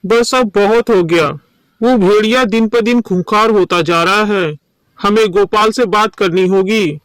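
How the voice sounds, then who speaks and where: A man's voice: high-pitched, measured pace, fairly bright tone, smooth, no room sound. A man voicing a stern, worried village man in a cartoon story, who speaks in a firm, urging way. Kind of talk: cartoon voice acting.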